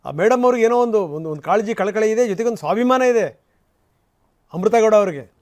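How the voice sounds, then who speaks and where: Indignant high-voiced man delivering news commentary. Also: expressive, fairly quick, darkish tone. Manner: indignant, rhetorical, emphatic repetition. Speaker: news anchor.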